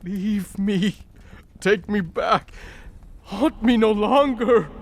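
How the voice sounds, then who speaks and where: An actor playing Ebenezer Scrooge, an anguished, bitter miser, in a theatrical, pleading audio drama style. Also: male voice, high-pitched, drawn-out words, creaky, full character voice.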